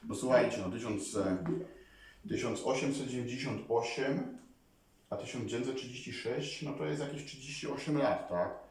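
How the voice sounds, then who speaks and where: A man talking casually to his viewers as a vlogger, rambling and animated, often calling on them to listen. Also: medium pitch, normal speed. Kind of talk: casual talk to camera. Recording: very echoey room, mic far away.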